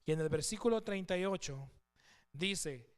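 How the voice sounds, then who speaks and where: Male pastor, high smooth voice, reads scripture aloud, questions the room. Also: animated, normal speed. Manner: asks the congregation questions. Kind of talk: sermon. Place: church.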